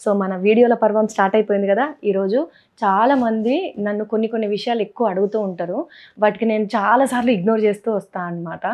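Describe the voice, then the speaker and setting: With a medium-pitched, slightly mellow voice and quick delivery, a young vlogger speaks in a Telangana Telugu accent, chatting playfully and slipping in English words. The lo-fi recording sounds dull.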